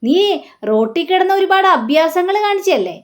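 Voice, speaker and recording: This is a mocking male police officer, authoritative and sneering, put on by a woman narrator. Her voice stays high. The delivery is commanding and dismissive. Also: lively intonation, normal speed.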